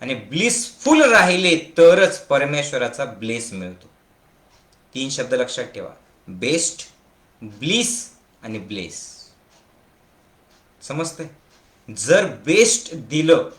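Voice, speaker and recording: A man's voice: medium pitch, a bit bright, echoey room. A man giving a spiritual discourse as a teacher. He speaks emphatically, repeats short slogan-like phrases and keeps asking listeners whether they follow.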